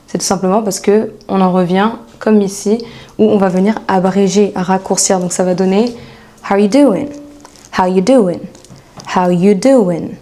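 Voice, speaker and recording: A woman with a mid-range, dark-toned voice gives a casual video lesson as an English coach. She chats and slowly repeats English phrases so viewers can practice.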